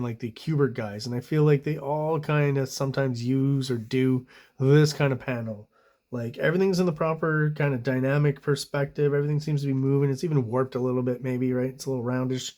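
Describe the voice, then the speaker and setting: A man's voice: medium pitch, a little mellow. Rambling man reviewing comic art. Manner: rambling, searches for words, frequent ums; enthusiastic about the art. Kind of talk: casual review commentary.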